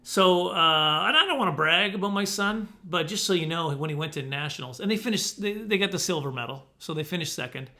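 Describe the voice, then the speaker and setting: A man's voice: high voice, animated, fast talker, few pauses, pushed and bright, faint music behind. A middle-aged man telling comic stories, defensive in mock fashion and repeating himself for laughs. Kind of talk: comic storytelling monologue.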